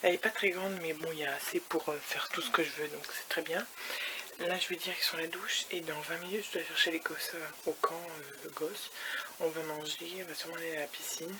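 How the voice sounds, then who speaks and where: In this casual vlog, a woman with a low voice and fairly even intonation speaks a little fast from her hotel room. Her chatter wanders, English words pop up throughout, and at times she whispers. The background is noisy.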